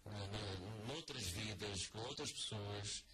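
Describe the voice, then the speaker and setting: A man's voice: on the low side, slow, over a noisy crowd. An older man with a European Portuguese accent, a guest on a radio interview, talking hesitantly with many restarts. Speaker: author guest. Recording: noisy radio broadcast.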